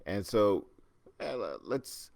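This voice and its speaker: A middle-aged Trinidadian man hosts a casual livestream from his home in New York City, chatty and rambling, with many restarts and fillers as he reads viewer comments aloud as they arrive. His lowish, slightly mellow voice has vocal fry and big pitch swings, and he speaks very slowly with no echo.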